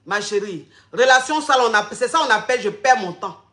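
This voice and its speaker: Bright high-voiced woman coach. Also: lively intonation, fairly quick, reverberant. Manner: repeats phrases, calls viewers darling and family. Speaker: relationship coach on a live stream. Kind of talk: live-stream advice talk.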